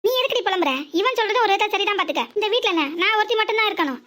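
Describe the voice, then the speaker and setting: A woman voicing a sharp-tongued elderly village mother-in-law in a cartoon comedy, with a southern Tamil Nadu dialect and a nagging, rapid, sing-song complaint. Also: very high voice, expressive. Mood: defiant.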